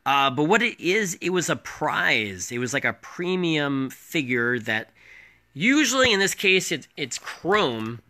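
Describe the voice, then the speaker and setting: A man's voice: lively intonation, slow pace, hardly any pauses, sharp tone. A man presenting items as a home shopping host in a casual, unscripted, rambling and hesitant way. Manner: rambling, hesitant item-by-item pitch with prices.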